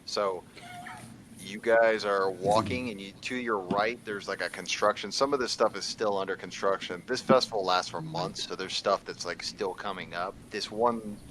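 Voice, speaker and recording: Deep-voiced male game master. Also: normal speed, slight background noise. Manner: relaxed, rambling narration with fillers. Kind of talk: narrating a tabletop game.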